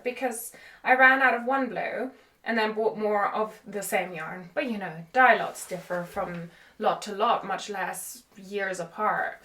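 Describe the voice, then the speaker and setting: Chatty woman recording on a phone in an echoey room. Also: mid-range voice. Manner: chatty, animated, self-deprecating. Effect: recorded on a phone camera. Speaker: podcast host. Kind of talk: casual chatty vlog. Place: room in an old country cottage, indoors. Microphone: phone camera.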